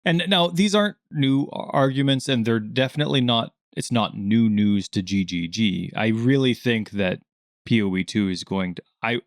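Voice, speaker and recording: A man co-hosting a casual gaming podcast, talking in an animated way and acting out the questions he quotes in a higher voice. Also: normal speed, no echo, studio quality. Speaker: podcast co-host.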